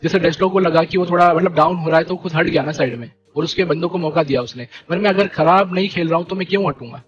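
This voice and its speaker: A young man leading a gaming team, ranting to his stream viewers in an animated, indignant way and repeating fillers. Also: a little high, fast talker, dull audio, music in the background. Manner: animated and indignant, keeps repeating "theek hai" and "bhai". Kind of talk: heated live-stream rant.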